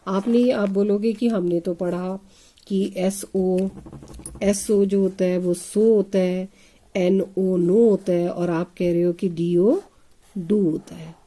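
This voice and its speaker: Her voice is mid-range, warm and slow, with fairly even intonation, as she teaches children English phonics. In this slow lesson she spells words letter by letter, sounds them out, and questions the pupils, calling them children.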